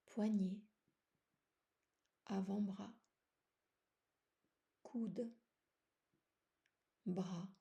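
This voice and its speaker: A woman with a mid-range voice and noticeable vocal fry guides a relaxation meditation as a yoga nidra teacher. She speaks gently and without hurry, in short phrases broken by long pauses, her soft voice occasionally slipping into a whisper.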